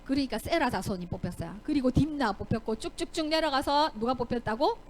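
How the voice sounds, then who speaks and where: A woman's voice: high voice, animated, fast talker, darkish tone, a little hiss or hum. A young woman teaching Sunday school, telling a Bible story to children, asking them questions and acting out the characters' lines.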